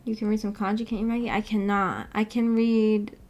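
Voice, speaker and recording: A native English-speaking woman hosts a book club livestream indoors with an animated avatar, chatting casually and reading viewer comments in a playful, giggly way. Her medium-pitched voice is level, brisk and darkish, and the audio sounds dull.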